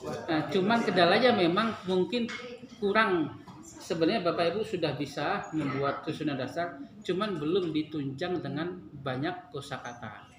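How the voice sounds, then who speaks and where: Guru pria bersuara agak tinggi di ruang kelas bergema. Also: male voice, on the high side, moderate pace, a crowd in the background. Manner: patient, laughs often, repeats key terms. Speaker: Arabic teacher. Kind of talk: classroom grammar lesson. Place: classroom. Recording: very echoey room with noise.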